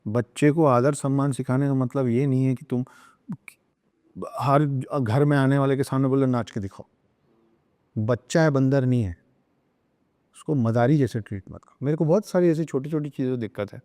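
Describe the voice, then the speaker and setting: A man's voice: medium pitch, moderate pace, dark tone, long reverb tail. A man speaking as a podcast guest, emphatic and lecturing, repeating himself for stress and slipping into English phrases. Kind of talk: earnest podcast talk on spirituality and parenting.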